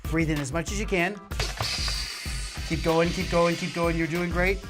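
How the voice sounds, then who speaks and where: With music playing behind him, a science show host runs a live demonstration, enthusiastically coaxing a helper along and asking many rhetorical questions. His mid-range voice keeps a fairly even intonation at a normal speed.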